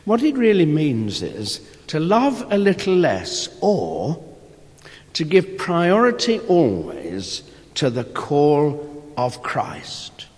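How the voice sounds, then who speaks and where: A male priest speaks from scripture to a congregation in a slightly high voice. His delivery is slow, deliberate and solemn. Every phrase rings with a long cathedral echo in a large, reverberant church. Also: wildly swooping pitch, a little mellow. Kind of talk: Gospel reading and homily.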